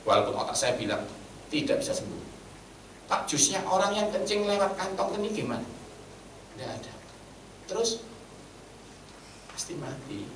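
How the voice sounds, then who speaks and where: A man preaching a sermon in Javanese-tinged Indonesian, blunt and animated, swinging between loud outbursts and hushed asides. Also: high-pitched, moderate pace, long pauses. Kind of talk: sermon with storytelling. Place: church meeting hall. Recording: roomy echo, from a distance, faint background hum.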